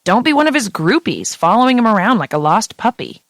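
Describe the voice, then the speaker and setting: A woman's voice: a little high, very animated, brisk, dry recording, clean studio sound, voice pushed up. A woman reading an audiobook, voicing a blunt, foul-mouthed young woman who is the heroine's best friend. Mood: encouraging. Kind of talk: audiobook character voice.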